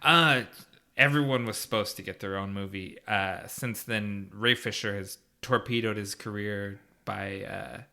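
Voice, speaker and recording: Bright-voiced man recapping a movie. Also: on the low side, a little slow. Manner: sarcastic, laughs often while recapping. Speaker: podcast co-host. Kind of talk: casual chat recapping a movie.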